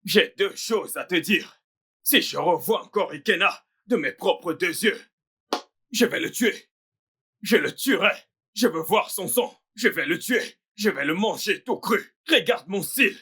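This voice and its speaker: A man's voice: high voice, lively intonation, a little slow, bright, forceful tone, breathy edge, full character voice. A man playing a vain hot-headed young designer. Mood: furious. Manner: ranting, boastful, threatening. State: bleeding from the mouth after a beating. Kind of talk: French dub of a film.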